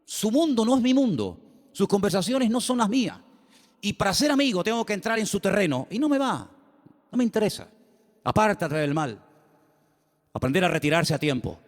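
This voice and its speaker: A man's voice: big pitch swings, moderate pace, long pauses. A man preaching a sermon as pastor, telling the story dramatically with folksy humorous asides. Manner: dramatic storytelling with shifting pitch and loudness. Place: church hall. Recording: long hall reverb.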